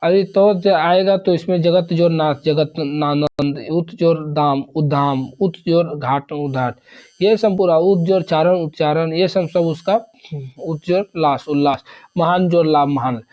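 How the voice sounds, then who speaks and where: A man's voice: fairly high pitch, fairly even intonation, a little slow, highs cut off. A man teaching an exam revision grammar lesson, rattling off examples one after another and repeating terms.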